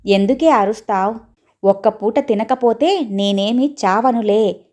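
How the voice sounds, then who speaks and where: A sharp-tongued middle-aged mother in a spoken storybook, voiced by a woman narrator. She scolds loudly and curses at anyone who crosses her. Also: mid-range voice, measured pace, close to an everyday voice. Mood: scolding. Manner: loud, scolding, cursing.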